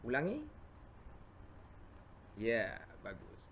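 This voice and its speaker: A man with an Indonesian accent teaching children Quran recitation, patiently explaining and answering his own questions, chanting verses slowly and loudly. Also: medium pitch, sing-song, slight background noise.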